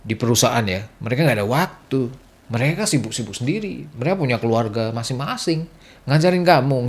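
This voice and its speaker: A man from Indonesia giving casual spoken tips on learning Japanese, chatty and teasing, now and then slipping into playful gruff Japanese impressions. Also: mid-range voice. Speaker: Japanese language tips vlogger.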